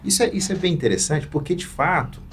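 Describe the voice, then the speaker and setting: A man's voice: a little high, animated, fast talker, a little hiss or hum. A man with a Brazilian Portuguese accent hosting a panel, affirming the guests and asking long questions. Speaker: host.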